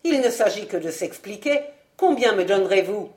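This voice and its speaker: A woman's voice: mid-range voice, lively intonation, moderate pace, darkish tone, natural voice. A woman playing a bold, sardonic male servant. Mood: bold, dry.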